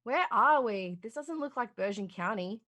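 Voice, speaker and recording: A dazed, airy teenage girl in a prom dress, voiced by a woman, speaking in bright valley-girl uptalk. The voice is high and sharp. It sounds a little off from the mic. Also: animated, moderate pace.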